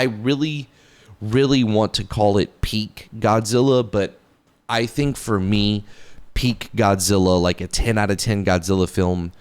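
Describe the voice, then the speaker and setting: Man, deep smooth voice, rambling casual review, lots of fillers. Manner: rambling, many fillers and restarts; enthusiastic, casually profane. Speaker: movie reviewer. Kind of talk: casual spoken movie review.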